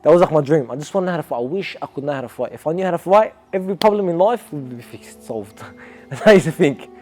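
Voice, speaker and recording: Fast-talking Australian young man. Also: on the high side, animated, a little mellow. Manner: earnest, reflective, restarts sentences. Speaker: amateur boxer interviewee. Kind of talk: documentary interview.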